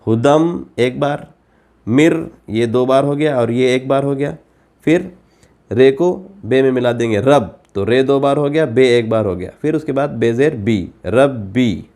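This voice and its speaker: Man slowly spelling out Arabic syllables. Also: mid-range voice, darkish tone. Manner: spells out syllables slowly, then speeds up to explain rules. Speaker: Quran reading teacher. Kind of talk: slow letter-by-letter spelling lesson.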